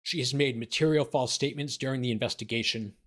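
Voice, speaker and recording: Male attorney host, mid-pitched, reads filings, then offhand commentary, voice wearing out. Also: fast talker, a bit bright. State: losing his voice. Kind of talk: informal livestream commentary.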